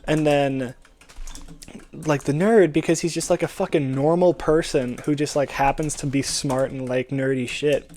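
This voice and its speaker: A man's voice: fairly high pitch, fairly even intonation, normal speed, a little mellow. A young adult man chatting casually, meandering through a story in slangy, sweary language and slipping into bits of acted dialogue. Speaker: storyteller pitching a movie idea. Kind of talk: rambling casual chat.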